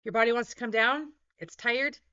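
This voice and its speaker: Wellness vlogger, casual rambling talk to camera, smooth voice, dry, slightly muffled recording. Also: mid-range voice, steady tone, normal speed, sharp tone. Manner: rambling, self-correcting, keeps asking "right?"; voices own inner thoughts in quotes. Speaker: intuitive wellness channel host. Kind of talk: casual reflective monologue to camera.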